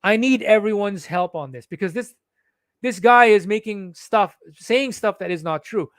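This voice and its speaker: A vlogger from the Philippines, speaking in a Singaporean English accent, delivers a heated, indignant rant to his viewers and often restarts sentences. His high-pitched voice is animated and fairly bright, at normal speed. The studio-quality audio has no room sound.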